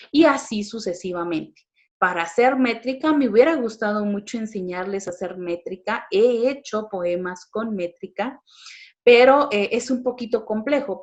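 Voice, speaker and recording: A middle-aged woman from Guatemala with a Guatemalan accent, teaching a lesson in a patient, explanatory way with frequent pauses and fillers. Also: on the high side, highs cut off. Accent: Guatemalan Spanish. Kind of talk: classroom lecture.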